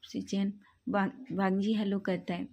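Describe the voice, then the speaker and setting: A woman retelling a romance fan fiction story in a casual, animated way. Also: mid-range voice, unhurried.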